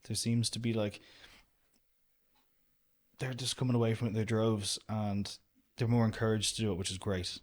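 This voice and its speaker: Relaxed Irish man chatting casually. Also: on the low side, normal speed, pauses often. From Ireland. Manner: relaxed, rambling, lots of "do you know". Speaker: guest, outdoor business owner. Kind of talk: casual interview chat.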